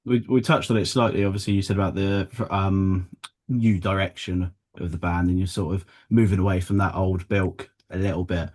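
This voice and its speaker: A man's voice: sits low, little pitch movement, normal speed, darkish tone. A man interviewing in a casual, informal and agreeable chatty way.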